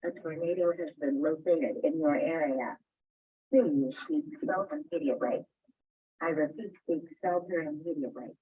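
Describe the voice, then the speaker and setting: An automated emergency warning announcement from an outdoor siren loudspeaker, steady and measured as it repeats its instructions. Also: mid-range voice, slightly rough. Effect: outdoor siren loudspeaker announcement played in a video. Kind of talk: formal public address alert, repeated. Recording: distant outdoor loudspeaker over a tinny call line.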